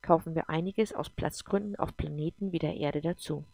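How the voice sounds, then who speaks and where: A woman reading a calm, patient man. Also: sits low, moderate pace, vocal fry, dry recording. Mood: patient, explaining. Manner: patient, explanatory. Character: calm adult man explaining his world.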